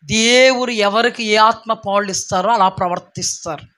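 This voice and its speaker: A man's voice: high voice, moderate pace, bright, forceful tone. A male pastor preaching a sermon, firing rhetorical questions at the congregation and repeating phrases for emphasis.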